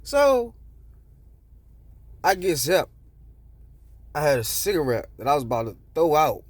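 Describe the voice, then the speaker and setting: A man's voice: a little high, sing-song, a little slow, dry recording. A man telling a rambling personal story in casual street slang with plenty of swearing, sitting in a parked car.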